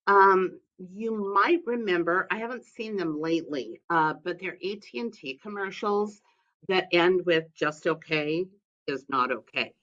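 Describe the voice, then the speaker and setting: A woman's voice: mid-range voice, measured pace, a bit bright, muffled recording. A woman who is an instructional specialist, talking as a guest in a podcast interview, chatty and emphatic, telling stories.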